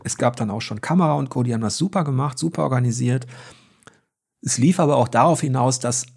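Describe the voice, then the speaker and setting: A man's voice: medium pitch, fast, gravelly, darkish tone, husky. A man, a journalist, speaking frankly and with opinions in a casual conversation.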